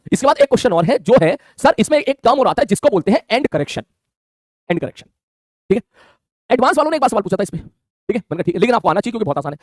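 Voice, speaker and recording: A man teaching a physics lesson online, talking in a quick, colloquial way and checking in with his students constantly. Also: sits high, no echo, studio quality. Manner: rapid colloquial Hindi, calls students "mere bhai", frequent "theek hai".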